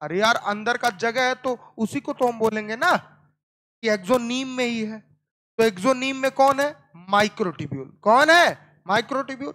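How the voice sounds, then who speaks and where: An extremely high, pushed and bright male voice belongs to a biology teacher lecturing his class. He keeps repeating terms and quizzing the students with repeated questions about whether they understood, calling them "beta".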